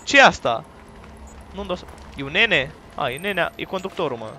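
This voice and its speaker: A man giving loud, profane let's play commentary on a horror game, talking to his viewers and yelping at scares. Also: a little high, sing-song, a little hiss or hum. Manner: jumpy, profane, loud outbursts; talks to viewers while playing. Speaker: gaming YouTuber.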